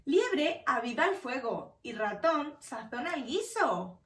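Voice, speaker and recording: A woman's voice: high voice, very animated, takes it slowly, a bit bright. Woman, Spanish accent, bedtime story read-aloud, sing-song, echoey room, voice from a distance. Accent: Spanish (Spain). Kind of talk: children's picture-book read-aloud.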